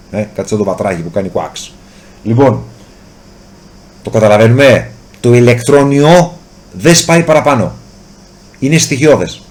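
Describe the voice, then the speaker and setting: A man's voice: mid-range voice, a little mellow. Greek man teaching chemistry. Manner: asks questions and answers them himself; stretches key words slowly for emphasis. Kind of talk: explanatory lesson, addressing the student directly.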